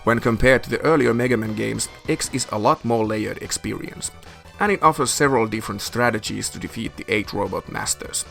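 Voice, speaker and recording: A man's voice: fairly low pitch, a little fast, creaky, a bit bright. A man narrates a scripted video game review over background music. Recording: music behind the voice.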